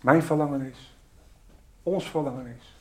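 A man preaching a sermon, swinging between loud pleading prayer and hushed, reflective murmurs. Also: on the high side, unhurried.

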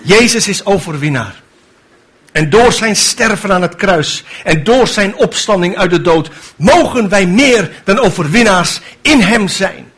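A man's voice: high-pitched, expressive, a little slow, a bit bright, breathy edge. A man preaching a sermon with fervent delivery, building to emphatic rhetorical questions.

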